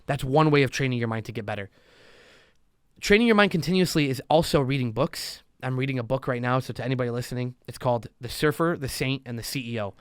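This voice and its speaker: A man in a casual podcast chat, mid-pitched and talkative. He slips into the voices of the people in his stories as he goes. The sound is dry and close to the mic. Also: fast talker, clean tone, dry recording. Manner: animated storyteller, acts out quotes. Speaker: podcast guest, loan officer. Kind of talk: casual conversation.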